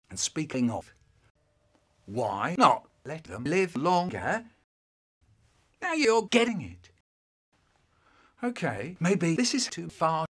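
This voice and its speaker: Older guy in his 60s doing a theatrical monologue, choppy and husky, pitch swings all over. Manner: theatrical, choppy spliced phrasing. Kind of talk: dramatic monologue, spliced from recorded clips.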